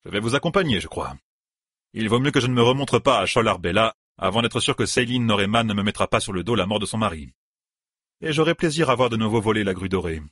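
A man voicing a glib, husky-voiced swordsman. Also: lowish voice, lively intonation, fast, a bit bright, dry recording, clean studio sound. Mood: wry. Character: handsome young swordsman, glib and wry.

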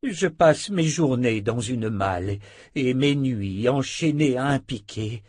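A man voicing an older woman, a calm and measured captive abbess, in an audiobook, in a soft and low manner. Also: no room sound, clean studio sound. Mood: wry. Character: older captive abbess, gentle yet firm.

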